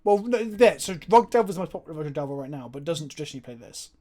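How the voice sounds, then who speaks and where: A man's voice: a little high, lively intonation, racing, dark tone. A man on a livestream headset mic, chatting casually and thinking aloud as he plays a card game. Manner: chatty, thinks aloud while playing cards. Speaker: streamer. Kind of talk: casual gameplay commentary.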